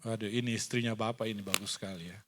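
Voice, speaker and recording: A male pastor preaching a sermon, retelling scripture with animated acted-out dialogue. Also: on the low side, quick pace, background noise. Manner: animated storytelling, acts out dialogue. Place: church hall.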